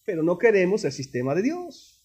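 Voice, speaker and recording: Male pastor, very high voice, lively call-and-response preaching with humor. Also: a little fast, husky. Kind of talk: sermon. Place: church sanctuary.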